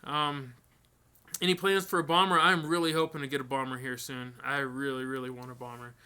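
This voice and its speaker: A man's voice: medium pitch, fairly quick, clear, resonant tone. A man hosting a live stream, casually answering viewer questions with lots of ums and restarts. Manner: relaxed, rambling, many ums and restarts.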